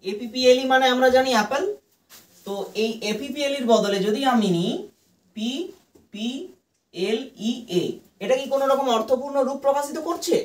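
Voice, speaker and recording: A woman's voice: high voice, moderate pace, pauses often. A woman teaching an English lesson, patiently spelling words out letter by letter and answering her own questions. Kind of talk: explaining a lesson to students. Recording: echoey room from far off.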